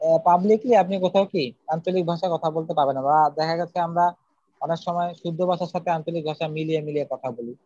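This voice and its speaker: A man's voice: on the high side, mellow, dry recording. Earnest male speaking coach, dull dry sound. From Bangladesh. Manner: earnest, repeats points with numbered lists. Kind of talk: spoken lesson. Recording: slightly dull, dry recording.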